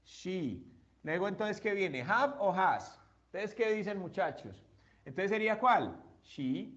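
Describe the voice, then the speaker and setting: A man's voice: high-pitched, lively intonation, slow pace, a bit bright, muffled recording. A man teaching an English grammar lesson, explaining step by step and asking his students questions.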